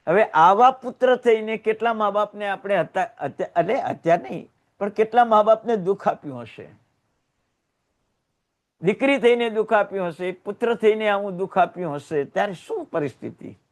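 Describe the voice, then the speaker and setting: A man preaching to a congregation in a fairly high voice. He tells heartfelt stories, swelling loud and then sinking to near whispers. He is a Jain teacher from Gujarat. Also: expressive, normal speed. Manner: emotional storytelling with sudden rises and hushed drops. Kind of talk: sermon.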